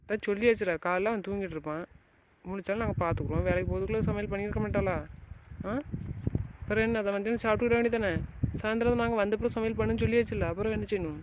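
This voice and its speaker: A man's voice: sits high, fairly even intonation, very fast, lightly acted. A man playing a domineering village family head. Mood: scolding. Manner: scolding, lecturing, rhetorical questions. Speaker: stern family elder. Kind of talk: village family drama acting. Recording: outdoor noise, rural background.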